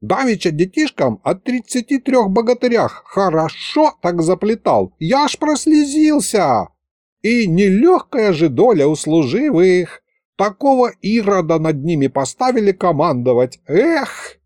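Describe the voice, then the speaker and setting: Guy doing a squeaky old wizard, fussy and folksy, jumps all over the place. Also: sing-song, unhurried, a little mellow, no echo, clean studio sound. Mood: excitable. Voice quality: high, folksy rustic speech. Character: chatty old male wizard, fussy and excitable.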